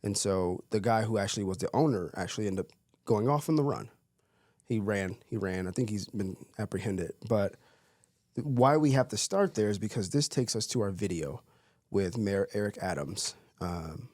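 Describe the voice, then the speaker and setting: A man hosting a casual podcast with a joking, upbeat manner. His voice sits a little low. It is recorded close and dry, with no room around it. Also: animated, moderate pace, a little mellow, dry recording. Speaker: podcast host.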